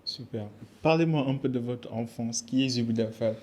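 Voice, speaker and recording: A man's voice: mid-range voice, moderate pace, darkish tone, slight background noise. A man who hosts a podcast, introducing his guest and asking questions in a friendly, upbeat way with some hesitations. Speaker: podcast host. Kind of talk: podcast interview.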